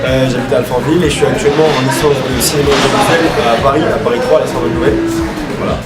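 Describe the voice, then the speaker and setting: Fast-talking young man, hesitant. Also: mid-range voice, steady tone. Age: young adult. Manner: hesitant, many "euh" and restarts. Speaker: film student and web series participant. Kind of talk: casual interview. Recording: distant echoey recording with loud music.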